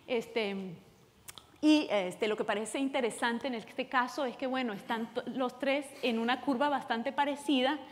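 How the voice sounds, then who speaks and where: A woman from Venezuela presenting at a conference panel, explaining with frequent fillers and a hurried, explanatory manner. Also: on the high side, long reverb tail, a little hiss or hum. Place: large conference hall.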